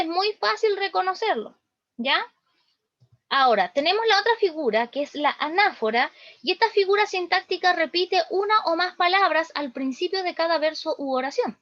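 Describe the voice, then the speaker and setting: A woman's voice: very high voice, a bit bright, no room sound. A woman teaching a literature lesson, explaining step by step and often checking in with "¿ya?". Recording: dull, dry lo-fi recording.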